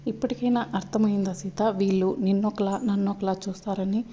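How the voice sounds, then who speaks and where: A young wife snaps back resentfully at her in-laws, voiced by a woman narrating a drama. The tone is sharp, but the voice stays mellow, and the recording is a bit dull. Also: mid-range voice, fairly even intonation, a little fast, close to an everyday voice. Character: touchy young wife, quick to anger.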